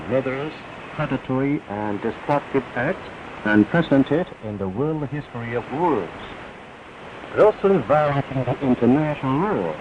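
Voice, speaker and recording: North newsreader man on hissy radio. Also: medium pitch. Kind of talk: North Korean newsreader, formal scripted state radio bulletin. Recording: hissy, noisy, muffled shortwave radio recording.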